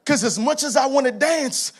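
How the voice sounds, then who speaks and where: Preaching at normal speed, this Haitian-heritage man has a very high voice. He's emphatic, building momentum with repeated shouts, and breaks things up now and then with laughing asides.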